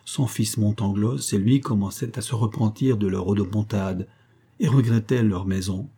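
A man reads a classic novella aloud at a steady, measured pace. His voice sits low and dark, with a husky grain. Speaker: audiobook reader. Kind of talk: scripted narration.

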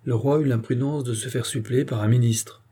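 A man narrating a classic novel as an audiobook in a measured, steady reading. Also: medium pitch, husky.

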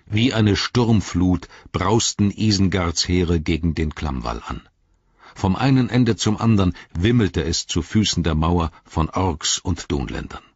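A man with a very deep, husky voice narrates an audiobook in a measured, dramatic way. The recording is dry and a little dull, like lo-fi audio. His reading stays steady and deliberate. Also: no echo.

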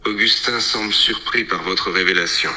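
A synthetic male voice narrating an interactive story game in a calm, even storytelling manner. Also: on the low side, moderate pace. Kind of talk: computer-read story narration.

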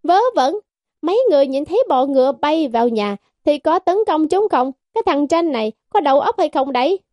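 A woman's voice: high voice, animated, fairly quick, dark tone, no room sound, highs cut off, voice pushed up. A woman voicing a fierce, foul-mouthed mantis queen who is also a mother, talking brusquely and threateningly. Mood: gruff scolding.

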